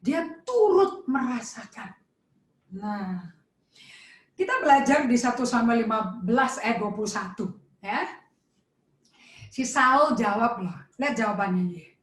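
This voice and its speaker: Woman pastor, Indonesian accent, high voice, echoey church sound, animated sermon delivery. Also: measured pace, pauses often. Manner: lively, acts out dialogue with shifting tones.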